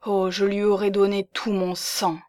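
A woman's voice: medium pitch, flat delivery, normal speed, darkish tone, no room sound, studio quality, lightly acted. A woman reading a bitter, jealous old spinster. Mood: fervent. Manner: intense, vengeful undertone. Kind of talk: audiobook reading.

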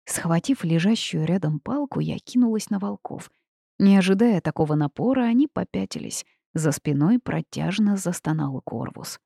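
A woman narrating a first-person fantasy audiobook with lively, expressive storytelling on a close mic. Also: fairly low pitch, normal speed, creaky, slightly rough, no room sound.

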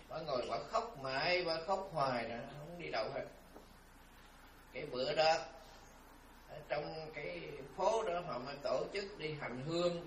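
A male Buddhist monk tells a story in an animated dharma talk and turns often to address his listeners. His voice is somewhat high for a man and sounds distant from the mic. The room gives it a strong echo, with a faint hiss beneath. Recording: roomy, from far off, faint hiss.

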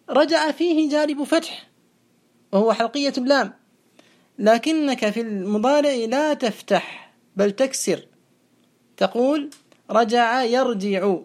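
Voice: mid-range voice, a little mellow. Methodical teacher spelling out verb forms. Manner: asks questions and answers them itself. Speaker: teacher of Arabic morphology. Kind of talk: classroom lecture explaining a grammar poem.

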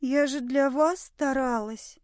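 Brief: high, shrill, easily hurt young woman, read by a woman. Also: slow pace, a little mellow, no room sound, clean studio sound. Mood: upset.

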